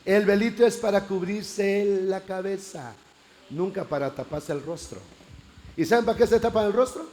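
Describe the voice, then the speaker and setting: A man preaching a church class, telling his story with lively acted-out prayers. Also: sits high, moderate pace, slight background noise. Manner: animated storytelling, acting out prayers.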